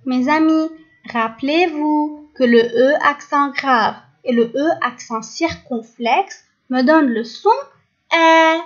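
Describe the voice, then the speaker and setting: A woman teacher with a Lebanese French accent, giving a phonics lesson and pronouncing each sound and syllable very slowly and clearly. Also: sits high. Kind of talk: recorded phonics lesson for young pupils. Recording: dull lo-fi recording.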